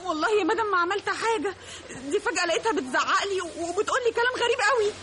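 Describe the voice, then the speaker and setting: An actress playing a frightened young Egyptian hairdresser in a radio drama, pleading and anxious. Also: female voice, very high voice, animated, racing, bright, forceful tone, a faint crowd, exaggerated voice. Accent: Egyptian Arabic.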